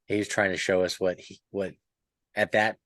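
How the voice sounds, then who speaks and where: A man's voice: low voice, flat delivery, moderate pace, fairly bright tone, no echo. A man in a casual podcast book discussion, rambling and thinking aloud as he talks. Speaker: podcast panelist.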